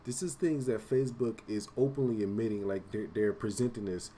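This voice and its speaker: A man in his late twenties co-hosts a casual gaming podcast, his voice sitting low. He rambles through his points with plenty of fillers and casual profanity. A faint hiss of noise sits under the recording. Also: fairly quick, warm tone. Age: late 20s. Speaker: podcast co-host. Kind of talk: casual chat.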